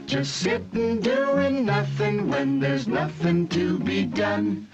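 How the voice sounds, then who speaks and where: A woman sings in a slow, repetitive, sing-song line that swoops between low and high notes. The sound comes from a worn tape copy, muffled and dull, with loud music behind her voice. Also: very animated. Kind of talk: sung opening song.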